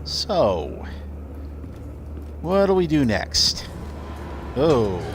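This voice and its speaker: Brief: male let's play commentator, mid-pitched, casual and musing, clear game noise behind. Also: big pitch swings, very slow. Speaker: video game player and commentator. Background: video game sound.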